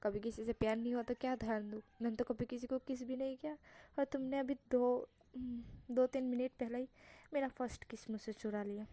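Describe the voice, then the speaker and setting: A woman's voice: a little high, fairly even intonation, brisk, warm tone, dry recording, natural voice. A woman voicing a shy, innocent young man who gets flustered easily. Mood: bashful.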